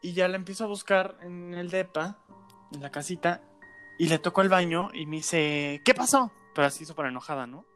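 A man with a Mexican accent tells a story in relaxed, slangy speech, leaning on fillers and tag questions. His delivery is animated and conversational, and faint music plays behind him. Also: fairly high pitch, a little fast. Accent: Mexican Spanish. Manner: animated, colloquial, filler-heavy with frequent "este" and "¿no?". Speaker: storyteller guest. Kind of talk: casual spoken storytelling.

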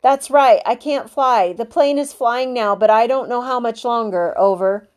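A woman voicing a panicked teenage boy alone in a plane, crying and shouting desperate pleas for help. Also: fairly high pitch, moderate pace, natural voice. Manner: frantic, pleading shouts.

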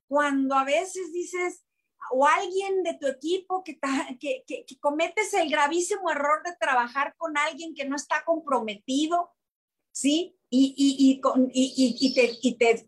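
A middle-aged Mexican woman in an interview, telling a personal story with lively, repeated restarts. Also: high-pitched, a little slow. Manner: animated storytelling, many repetitions and restarts. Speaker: interviewee, network marketing leader.

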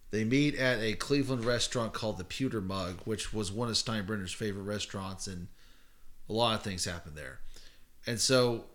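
A man's voice: on the low side, fairly bright tone. A man co-hosting a podcast, retelling a story in a casual, rambling way, full of fillers and self-corrections. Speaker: podcast co-host.

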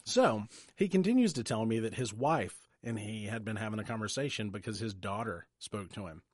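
Man, low-pitched, dry close sound, animated storyteller, casual podcast chat. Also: brisk, dry recording. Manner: animated storytelling, quotes others, laughs often. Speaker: podcast co-host.

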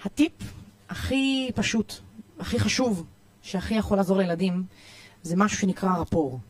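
A woman youth coach with an Israeli accent, giving parenting tips in a podcast interview in an energetic, emphatic way, often repeating herself. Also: mid-range voice, no echo. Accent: Israeli Hebrew. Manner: energetic, repetitive, emphatic listing.

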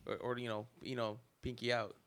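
A man's voice: mid-range voice, level tone, fairly quick, fairly bright tone. A young man hosting a casual podcast chat, joking and laughing often. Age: young adult. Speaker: podcast host.

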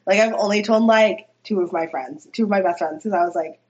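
A woman's voice: mid-range voice, brisk, a little mellow, lo-fi sound. A young woman telling a story in a casual podcast chat, full of fillers and giggles. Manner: chatty, lots of fillers, giggly. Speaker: podcast guest.

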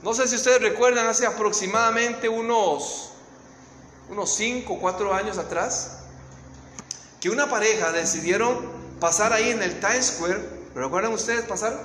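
A man with a Latin American Spanish accent preaching a sermon, telling a story dramatically and swinging from hushed tones to shouts. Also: sits high, moderate pace, echoey room, long reverb tail, a little hiss or hum, low-quality recording.

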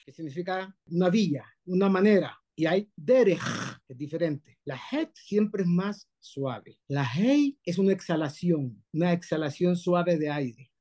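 Emphatic rabbi teaching with a mellow voice. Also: male voice, sits high, animated, a little slow, hardly any pauses. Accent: Colombian Spanish. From Colombia. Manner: emphatic, repeats and exaggerates sounds to demonstrate them, checks understanding often. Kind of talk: spoken class, explaining pronunciation.

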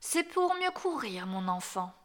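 A woman voicing a sly, hungry male wolf in a storybook, speaking softly and coaxingly. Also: high-pitched, very animated, a little slow, pitched above the performer's own voice, full character voice.

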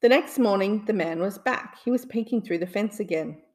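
Woman reading a gentle bedtime story. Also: mid-range voice, moderate pace. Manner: gentle, soothing.

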